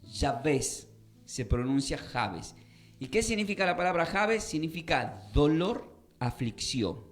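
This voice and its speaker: A man's voice: a little high, sing-song, takes it slowly, faint music behind. Emphatic teacher, man. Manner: questioning, emphatic teaching with repetitions. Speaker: Bible teacher. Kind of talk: radio Bible class. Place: radio studio.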